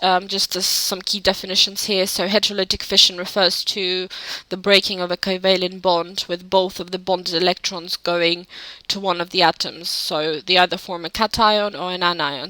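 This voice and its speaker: A woman's voice: on the low side, sharp tone, no room sound, rough recording. A woman narrating a chemistry lesson over slides, hesitant, with many "um" fillers and self-corrections. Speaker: chemistry tutor.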